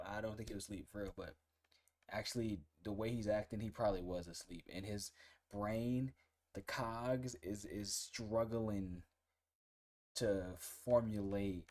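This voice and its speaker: A man reacting to a video in a casual, loud and profane way. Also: lowish voice, steady tone, a little slow.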